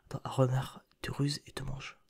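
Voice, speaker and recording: A man's voice: medium pitch, completely flat delivery, normal speed, darkish tone, breathy edge. A man giving whispered ASMR reaction commentary as a content creator and streamer, rambling with slangy, joking asides, close to a sensitive microphone.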